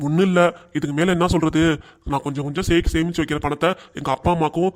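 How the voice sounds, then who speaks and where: A man voicing a patient middle-aged cartoon father who answers his wife and son softly and defensively. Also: on the high side, fairly even intonation, very fast, close to an everyday voice. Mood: pleading. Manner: soft, pleading and defensive. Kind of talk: cartoon voice acting.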